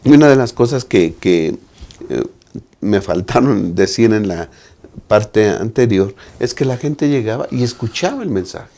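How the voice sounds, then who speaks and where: Low-voiced Mexican pastor, preacherly. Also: male voice, expressive, a little slow, vocal fry, mellow. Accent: Mexican Spanish. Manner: preacherly, often adds tag questions. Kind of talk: Sabbath school lesson discussion.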